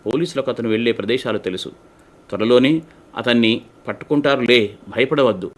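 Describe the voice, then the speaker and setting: A man's voice: medium pitch, fairly quick, natural voice. A man voicing a worried father who reports on a thief in a children's story. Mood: serious.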